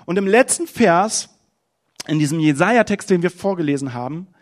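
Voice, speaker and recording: Young male preacher, higher voice, conversational sermon with emphatic peaks and quiet drops. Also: lively intonation, moderate pace. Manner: conversational, emphatic, rises to urgent heights and drops low.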